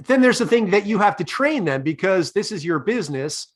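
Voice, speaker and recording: A man hosting a comedy podcast, building long, deadpan, profane setups for his guest's answers. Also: high-pitched, fairly quick. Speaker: podcast host. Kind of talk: comedic interview.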